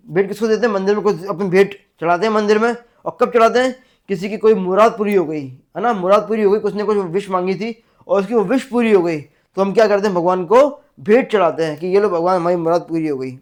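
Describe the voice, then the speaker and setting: High-voiced man drilling exam facts. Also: brisk. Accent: Rajasthani. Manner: asks the class "clear?" again and again; drills facts by repeating them. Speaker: teacher. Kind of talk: exam-prep lecture.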